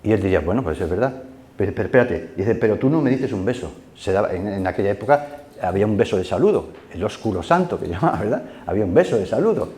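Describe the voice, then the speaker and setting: Hombre predicando en sala con eco. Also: male voice, fairly low pitch, expressive, fast, mellow, reverberant. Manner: conversational, many fillers and repeated words. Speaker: preacher. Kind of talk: sermon. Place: church hall.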